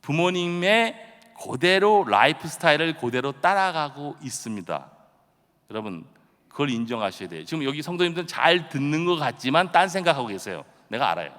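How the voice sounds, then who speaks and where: A middle-aged man preaching a dawn revival sermon, telling stories in a chatty, self-deprecating way and bursting into sudden loud shouts. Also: on the high side, very animated, a little fast. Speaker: pastor. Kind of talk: early-morning revival sermon. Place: church sanctuary. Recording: long church-hall reverb.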